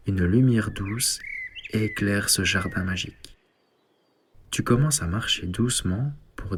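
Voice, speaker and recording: Slow, calm man guiding sleep. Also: fairly low pitch, creaky, a little hiss or hum. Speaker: sleep meditation guide. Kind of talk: guided sleep meditation and bedtime story. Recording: soft ambient synth music underneath.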